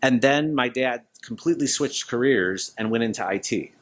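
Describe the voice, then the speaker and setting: A man's voice: mid-range voice, moderate pace, slight background noise. A man answering interview questions as a guest, speaking informally in loosely strung thoughts. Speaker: interview guest, business leader.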